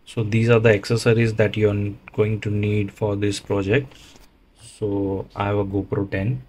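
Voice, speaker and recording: A man giving a casual, unhurried how-to narration, explaining things plainly step by step. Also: fairly low pitch, monotone, darkish tone, slight background noise. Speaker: motovlogger, presenter.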